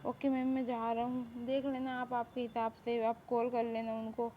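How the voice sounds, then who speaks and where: A woman's voice: fairly high pitch, completely flat delivery, moderate pace, lightly acted. A woman voicing a meek, polite male assistant in a fan audio drama. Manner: polite, deferential. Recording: tinny phone-like recording, faint hiss.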